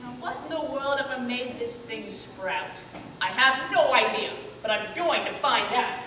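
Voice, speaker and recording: A woman playing a flustered school principal in a stage play, speaking in brisk, declamatory rhymes. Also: a little high, animated, noisy background. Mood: puzzled. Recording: echoey hall from far off.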